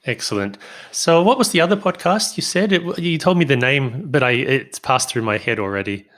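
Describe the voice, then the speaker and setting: A New Zealand-accented man hosts a podcast interview, his voice bright and forward at a mid pitch. He asks his questions in a friendly, direct way. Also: animated, fairly quick. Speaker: podcast host. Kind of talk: casual interview conversation.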